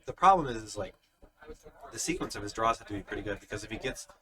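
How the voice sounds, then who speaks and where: Low-voiced man breaking down card plays. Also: animated, fast, crowd noise. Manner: analytical, explains plays step by step. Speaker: tournament commentator. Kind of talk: live card game commentary.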